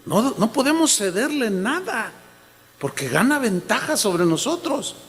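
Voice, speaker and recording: This pastor's voice is extremely high, sing-song, and a bit bright with a breathy edge, and he speaks a little slowly. He preaches forcefully and repetitively, acting out what other people said in different voices, under a long hall reverb.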